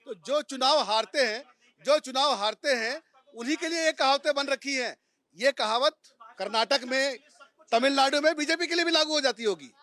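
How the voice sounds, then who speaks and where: A man argues on a television panel, backing his points with proverbs. His voice is very high and bright. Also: normal speed. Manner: quotes proverbs, emphatic. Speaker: panel debater. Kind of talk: TV panel debate.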